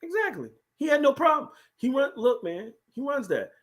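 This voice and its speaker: A man, co-hosting a casual sports talk show and making his points with animated emphasis. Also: extremely high pitch, normal speed. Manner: animated, emphatic, repeats "here's the thing". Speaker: podcast co-host.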